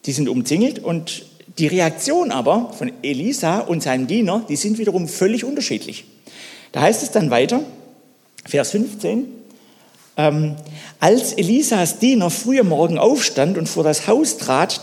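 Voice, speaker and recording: A man preaching a sermon, telling a story and putting questions to the listeners, moving between loud and hushed delivery. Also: a little high, sing-song, moderate pace, in a large hall.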